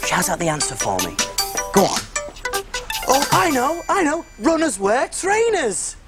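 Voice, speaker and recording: A man's voice: extremely high pitch, wildly swooping pitch, measured pace, over music, full character voice. A man playing a big, good-natured, bumbling cook in a children's show, exaggerated and hesitant as he addresses young viewers. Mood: flustered, playful. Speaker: children's TV presenter. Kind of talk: playful children's show presenting.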